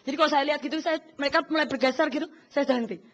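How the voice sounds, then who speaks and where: Bright, animated woman preaching a sermon. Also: high-pitched, rapid-fire, dull audio. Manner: animated, addresses congregation often, acts out voices. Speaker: pastor.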